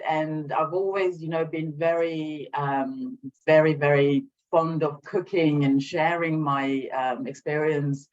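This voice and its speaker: A woman with a low, darkish voice, originally from Sri Lanka and raised in France from age eight, speaks as a guest in a conversational interview, sharing her story as a small business owner and showing her products. The audio is dull and lo-fi.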